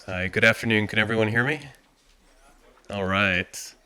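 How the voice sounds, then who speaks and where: An American man in his fifties giving a formal conference presentation, halting, with frequent pauses and repeated words. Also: on the low side, steady tone, a crowd in the background, background noise. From United States. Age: 50s. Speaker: conference speaker, defense industry executive.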